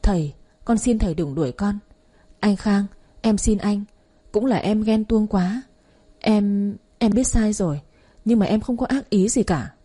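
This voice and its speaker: A woman's voice: medium pitch, lively intonation, brisk, warm tone, breathy edge. A woman voicing a tearful young daughter-in-law begging forgiveness, in an audio story. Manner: begging, sobbing.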